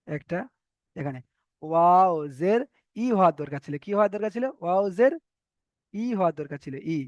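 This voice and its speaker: A man teaching Arabic letter pronunciation in an online lesson, slowly repeating each letter with its vowel mark. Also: high voice, no echo, dull audio. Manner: slow drilling of letter sounds, repeating each pair. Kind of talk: online Quran reading lesson.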